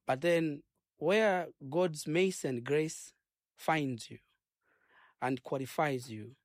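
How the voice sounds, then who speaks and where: A man's voice: on the high side, takes it slowly, dry recording, clean studio sound. Earnest Zambian man, preachy and rambling. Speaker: gospel singer and minister guest. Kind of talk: radio interview.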